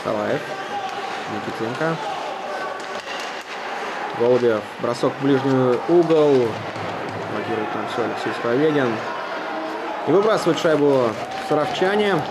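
A man's voice: mid-range voice, expressive, measured pace, pauses often. A man giving live ice hockey play-by-play in short, clipped phrases. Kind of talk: live sports play-by-play commentary. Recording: very noisy arena, loud crowd. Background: loud crowd and rink noise.

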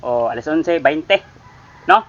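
A man from the Philippines chats casually with viewers in his cooking vlog, repeatedly calling them idols. His fairly high voice is expressive and slow, and the sound is lo-fi.

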